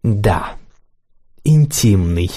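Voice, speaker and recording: A man voicing a spiteful, affected male theater critic with a creaky, squeaky voice, coquettish and insolent. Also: expressive, drawn-out words, mellow, heavily acted. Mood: creaky, sly. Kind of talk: audiobook character reading.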